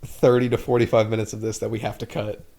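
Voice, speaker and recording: A man's voice: fairly low pitch, little pitch movement, fast, creaky, darkish tone. Easygoing young man, podcast co-host. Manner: easygoing, hesitant with fillers and restarts, laughs often. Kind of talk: casual chat.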